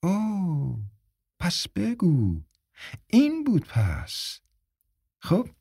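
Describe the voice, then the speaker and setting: A man reading an audiobook, voicing a sharp-tongued, scornful young woman who mocks and provokes. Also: high voice, huge pitch swings, creaky, breathy edge, dry recording, studio quality, pitched above the performer's own voice, full character voice. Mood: teasing. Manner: mocking, provocative.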